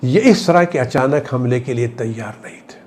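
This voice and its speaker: A man delivering a Friday sermon, telling the story with passion, his voice rising high for emphasis, then dropping low and quiet. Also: lively intonation, moderate pace, slight background noise. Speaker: Shia cleric giving a Friday sermon. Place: studio.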